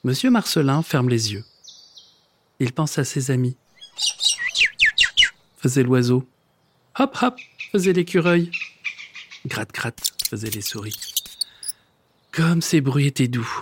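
A man narrating a children's story in a lively, expressive reading with playful sound words. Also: mid-range voice, measured pace, long pauses. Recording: background noise.

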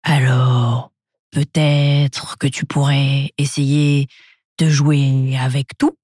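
A woman voicing a gentle, wise imaginary friend in a storybook, speaking in a soft, slow murmur. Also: very deep voice, little pitch movement, breathy edge, no echo, studio quality, voice pushed down, full character voice.

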